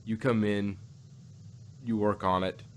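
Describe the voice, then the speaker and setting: A man co-hosting a podcast that reviews audio dramas chats casually, rambling and repeating his phrases as he goes. His voice is on the low side, his delivery flat and slow, and the recording has noticeable background noise.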